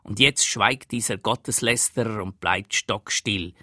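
A man voicing a furious older high priest who shouts outraged accusations. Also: measured pace, no room sound, studio quality.

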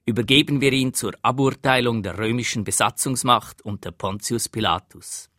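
A man voicing a furious older high priest who shouts outraged accusations. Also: normal speed, no room sound, studio quality, natural voice.

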